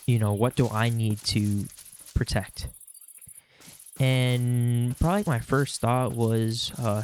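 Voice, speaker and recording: Here a young man with a blocked nose talks casually over his Minecraft gameplay, rambling with many fillers. The medium-pitched voice is a little mellow, and the audio carries a slight hiss or hum.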